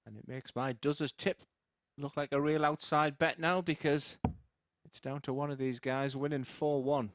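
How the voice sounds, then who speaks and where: A man's voice: on the high side, fairly even intonation, moderate pace, no room sound, clean studio sound. A man giving casual live darts commentary, bantering in a jokey, self-deprecating way.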